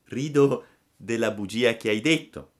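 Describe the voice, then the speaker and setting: A man voicing a kind, gently stern fairy woman with a calm, measured, motherly manner. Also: mid-range voice, voice pushed up, close to an everyday voice. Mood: gentle.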